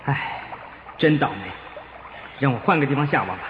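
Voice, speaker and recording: A man's voice: medium pitch, expressive, normal speed, natural voice. A man playing a poor, good-hearted young fisherman in a children's audio folktale, with sighs and exclamations. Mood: resigned. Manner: sighing, exclamatory. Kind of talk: children's audio story acting. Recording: dull, noisy lo-fi recording.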